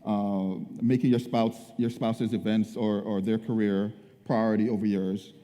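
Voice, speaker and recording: A man talks casually about relationships in a halting way. His voice is dark and relaxed, with long reverb from the room. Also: fairly low pitch. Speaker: co-speaker in a couples' talk. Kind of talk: casual faith-based relationship talk.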